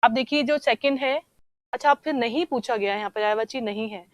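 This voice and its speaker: A woman teacher with a slightly high voice walks through exam questions at a steady, patient pace, repeating key words and checking in often. The sound is dry and close to the mic. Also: brisk, no room sound. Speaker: Hindi teacher. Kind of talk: online exam-prep lesson.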